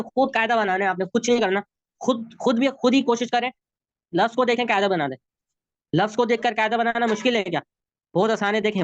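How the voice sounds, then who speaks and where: Urdu-accented male tutor, higher register, patient and repetitive, dry muffled video-call audio. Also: no room sound. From Pakistan. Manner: patient, repeats rules, checks understanding. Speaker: Arabic grammar teacher. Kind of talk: online class lesson.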